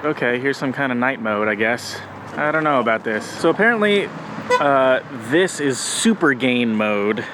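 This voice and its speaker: A man's voice: mid-range voice, animated, normal speed. Chatty man vlogging with street noise. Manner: chatty, curious, playful. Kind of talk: casual vlog chat.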